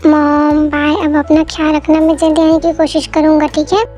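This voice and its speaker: A woman's voice: sits high, completely flat delivery, normal speed, dark tone, soft background music, close to an everyday voice. A woman voicing a carefree, dismissive young son in an amateur dubbed story. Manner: dismissive, breezy.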